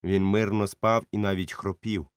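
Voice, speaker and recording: A man narrating a first-person adventure novel with measured storytelling that drops quietly at the ends of sentences. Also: fairly low pitch, flat delivery, clean tone, dry recording, studio quality. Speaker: audiobook narrator.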